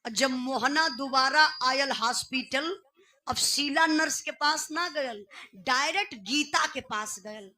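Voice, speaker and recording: A woman's voice: high-pitched, takes it slowly, pushed and bright. A woman with a Bhojpuri accent, singing and telling a folk ballad story in a dramatic, tearful way. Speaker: birha folk singer and storyteller. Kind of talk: sung and spoken folk ballad narration.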